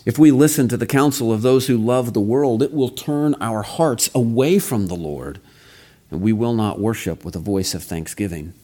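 A man preaching an expository sermon in a measured, earnest way, reading scripture and stressing key phrases. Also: mid-range voice, dark tone.

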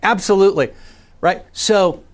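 A middle-aged man, a pastor, teaching a small class about preaching in a meeting room, talking conversationally and often checking in with the group. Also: measured pace. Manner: conversational, checks in with frequent "okay?" and "right?"; varies pitch and pace for emphasis.

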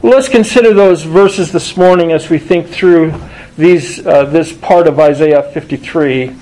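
Slow, high-voiced male preacher. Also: mellow, rough recording. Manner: slow, deliberate preaching with many restarts, emphatic stresses. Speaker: pastor. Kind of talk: sermon.

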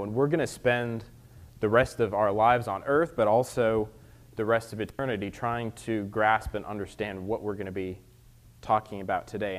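A man preaching a sermon at a pulpit microphone in a church. He reads scripture and prays, speaking earnestly and conversationally with frequent restarts. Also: fairly low pitch. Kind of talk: sermon with scripture reading and prayer.

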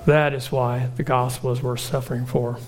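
A man preaching a sermon in an earnest, measured way, slowing down for emphatic lists. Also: medium pitch, little pitch movement, soft background music.

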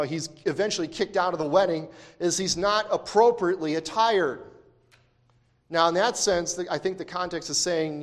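Man teaching scripture, reverberant. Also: fairly high pitch. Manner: reads verses aloud, then explains with emphatic repetition; self-correcting, thinking aloud. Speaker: Bible teacher. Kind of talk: scripture lesson.

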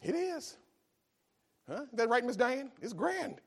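Grandpa preacher, high voice, goes from hushed to shouting. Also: male voice, sing-song, unhurried, vocal fry, slightly rough. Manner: preachy, swings from hushed asides to shouted exhortation. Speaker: pastor. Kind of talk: sermon.

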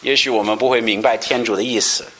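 A man leading a Bible study sermon, explaining passages verse by verse and asking his listeners questions, moving between raised emphatic stretches and quiet asides. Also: mid-range voice, steady tone, quick pace, slight background noise.

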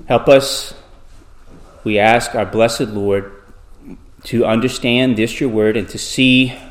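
Pastor preaching at a pulpit microphone. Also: male voice, lowish voice. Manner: measured, deliberate delivery with frequent restarts. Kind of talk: sermon with scripture reading and prayer.

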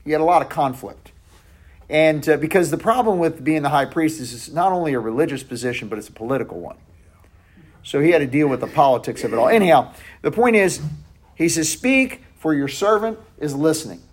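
A man leading a Bible study in a loose conversational way, often restarting and correcting himself, sometimes dropping his voice to a near hush. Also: on the high side, expressive, fairly quick, breathy edge.

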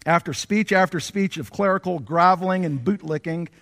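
A male pastor delivers an impassioned sermon in a high, sharp, forceful voice. His words ring out with a long reverb, as though spoken in a large church sanctuary. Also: moderate pace. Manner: impassioned, rising to near-shouts when voicing prayers.

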